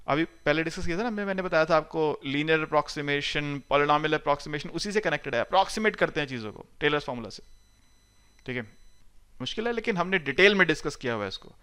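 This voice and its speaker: Middle-aged male lecturer from India, bright and resonant, reassuring and talkative. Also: on the high side, clear, resonant tone. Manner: chatty, reassuring, mixes English phrases into speech. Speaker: math teacher. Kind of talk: recorded lecture.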